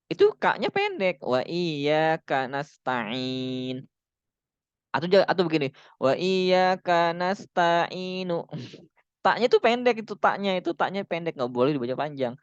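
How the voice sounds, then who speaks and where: A man giving a casual lesson on Quran recitation rules, chatting with his viewers and drawing out the example words slowly. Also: high-pitched, no room sound, lo-fi sound. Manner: chatty, drawn-out demonstration recitations. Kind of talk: casual online tajwid lesson.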